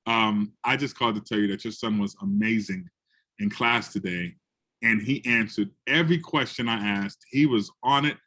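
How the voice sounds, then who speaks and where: His voice is lowish and his pace moderate as this Bronx-born educator and guest speaker tells classroom stories in conversation. He stays animated, slipping into other voices for the people he quotes.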